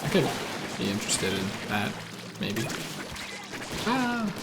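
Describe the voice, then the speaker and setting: A man's voice: mid-range voice, brisk. Laid-back, chuckling man gaming. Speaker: co-host. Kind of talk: casual gaming chat while playing. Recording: game music playing behind.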